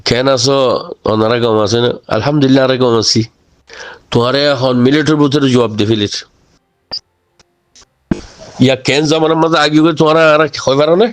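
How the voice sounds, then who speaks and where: A man with a Rohingya accent close to Chittagonian gives an informal spoken address to his community, speaking quickly in a clean, mid-range voice. He exhorts them and often uses rhetorical questions to check that they follow.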